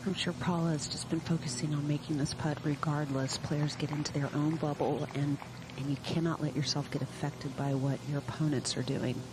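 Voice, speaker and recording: A woman's voice: deep voice, flat delivery, brisk. A woman working as a golf commentator, giving explanatory live analysis of play. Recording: clear background noise, outdoor ambience. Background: outdoor ambience noise.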